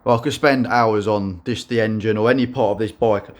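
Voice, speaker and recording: Low-voiced man giving a slow monotone walkaround. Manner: self-described monotone, halting with fillers. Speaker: motorcycle builder showing his bike. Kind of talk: casual walkaround vlog.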